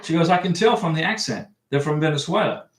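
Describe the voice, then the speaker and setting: Speaking fast in a slightly high voice, this American livestreamer answers viewer comments about visas from his home, chatting and rambling casually. The recording has a roomy sound.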